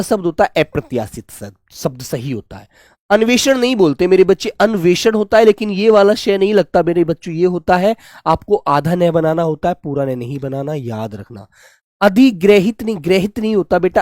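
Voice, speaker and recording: Higher-voiced man teaching Hindi spelling. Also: dry recording, clean studio sound. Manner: affectionate, repeatedly calls students "my dear children" and "beta"; rises loud on each new word, then drops soft and low on the reminder. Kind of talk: exam-prep spelling lesson.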